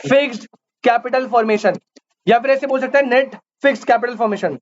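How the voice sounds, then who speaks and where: A man's voice: very high voice, fairly quick. A man teaching commerce to a live class. He keeps quizzing the students and repeats the key terms back to them. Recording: dull lo-fi audio with faint hiss.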